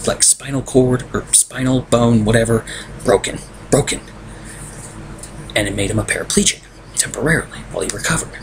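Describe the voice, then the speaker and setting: A man's voice: mid-range voice, moderate pace, gravelly. A young man casually reviewing a film from a room at home, exasperated and ranting. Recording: noticeable background noise.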